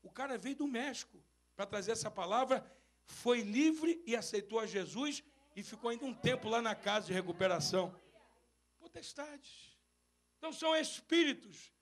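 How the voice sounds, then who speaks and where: A man preaching an animated sermon at a church service, acting out stories and breaking into shouts. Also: extremely high pitch. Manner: mixes English phrases into his sermon. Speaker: bishop preaching.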